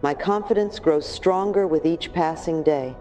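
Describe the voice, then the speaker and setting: Gentle woman narrating affirmations. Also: deep voice, a little slow, faint music behind. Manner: gentle, affectionate address. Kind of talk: scripted soothing narration.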